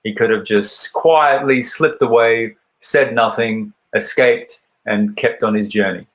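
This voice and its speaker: A man telling an old myth as a lesson in resilience, thoughtful and measured, with deliberate pauses. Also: medium pitch, steady tone, a bit bright, poor audio. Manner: recites poetry in a raised, rhythmic voice. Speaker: poet and speaker. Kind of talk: reflective storytelling talk.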